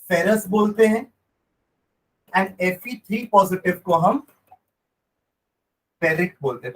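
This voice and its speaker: A man with a fairly high voice teaches a class in a classroom. He speaks slowly and carefully as he dictates notes. He repeats each phrase so students can write it down. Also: low-quality recording. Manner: slow dictation with repeated phrases, mixing Hindi and English. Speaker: science teacher.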